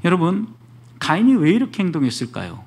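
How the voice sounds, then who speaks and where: Lively, animated male pastor preaching. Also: a little high, fairly quick, husky. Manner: expressive preaching that acts out the inner voices of believers. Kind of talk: sermon.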